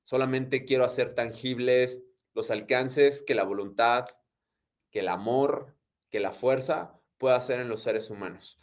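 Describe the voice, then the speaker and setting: A Mexican man in his thirties, speaking as an interview guest. He sounds thoughtful and easygoing, with a joking streak, and his voice sits in an ordinary middle pitch. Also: measured pace. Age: 30s. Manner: warm, reflective, joking. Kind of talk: casual interview.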